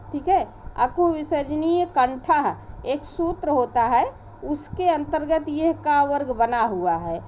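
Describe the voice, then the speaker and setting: Slow, high-voiced woman teacher. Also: darkish tone, slight background noise. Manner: slow, explanatory, checks in with "theek hai". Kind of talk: online Sanskrit lesson for children.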